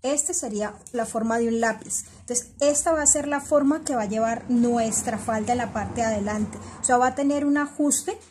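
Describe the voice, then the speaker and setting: This middle-aged sewing teacher speaks on the high side at a normal pace with few pauses, a slight hiss or hum audible. She guides her pattern-making class patiently through each step, repeating measurements and warmly calling them "my girls."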